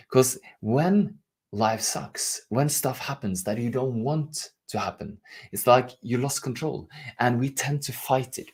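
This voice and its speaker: On his live stream, a life and leadership coach from Norway, a native Norwegian speaker with the accent to match, talks casually and effusively, full of affection, straight to camera. The pitch is fairly low and the tone a little mellow.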